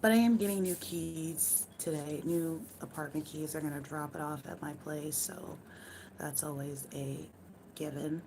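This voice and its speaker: A hoarse woman with a worn-out voice chatting casually to her live-stream viewers from home, rambling loosely and swearing now and then. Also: low-pitched, fairly even intonation, measured pace, noisy background.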